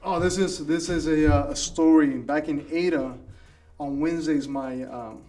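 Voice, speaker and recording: Man in his thirties, relaxed storyteller. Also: a little high, normal speed, soft background music. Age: 30s. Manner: relaxed storytelling with many restarts. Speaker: interviewee, food business owner. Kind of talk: casual interview chat. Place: coworking space.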